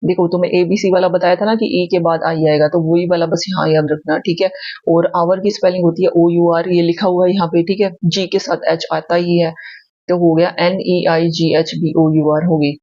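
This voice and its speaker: A woman's voice: on the low side, flat delivery, normal speed, warm tone, no echo, dull audio. A woman teacher giving a spelling lesson for exam preparation, spelling words out letter by letter and often checking that students follow. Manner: patient, repeats checks like "ठीक है?".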